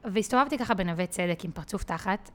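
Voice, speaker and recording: A woman's voice: medium pitch, expressive. A woman guest on a podcast, telling a personal story in a chatty way with many fillers and restarts. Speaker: podcast guest, content creator.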